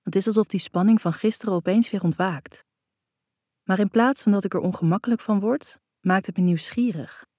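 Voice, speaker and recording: A woman reading a first-person audiobook in a soft, even, intimate manner. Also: medium pitch, fairly quick, breathy edge, dry recording, studio quality. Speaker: audiobook narrator. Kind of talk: first-person scripted narration.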